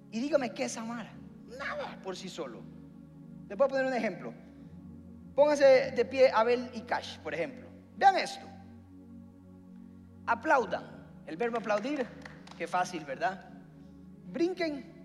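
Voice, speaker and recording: A man's voice: very high voice, very animated, unhurried, long pauses. A man preaching a sermon and asking the congregation questions. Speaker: pastor. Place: church hall. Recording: long hall reverb with faint music.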